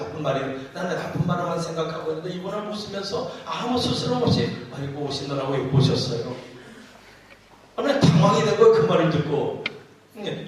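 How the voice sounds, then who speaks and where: High-voiced pastor preaching in an echoey church. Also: male voice. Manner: storytelling with jokes and mimicked dialect phrases. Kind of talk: sermon. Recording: far-off voice in a very echoey church hall with faint noise.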